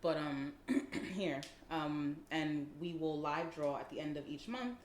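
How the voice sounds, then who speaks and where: Lowish-voiced profane woman podcast co-host. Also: a little slow, slight background noise. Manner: blunt, profane, laughs often. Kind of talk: casual chat. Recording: echoey room.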